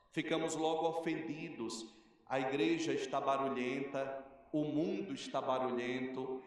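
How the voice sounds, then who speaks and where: A Brazilian-accented priest preaches a homily, slow and deliberate, with a somewhat high voice. He speaks earnestly and poses rhetorical questions to the congregation. The sound carries the heavy echo of a large cathedral, picked up from a distance. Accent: Brazilian Portuguese. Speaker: parish priest. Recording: echoey cathedral, mic at a distance.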